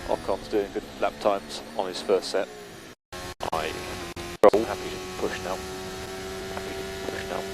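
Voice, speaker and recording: Low-voiced male race engineer on noisy radio. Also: steady tone, a little slow, long pauses. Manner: clipped, matter-of-fact. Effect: team radio transmission. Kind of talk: terse race radio updates. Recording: noisy team radio with car noise.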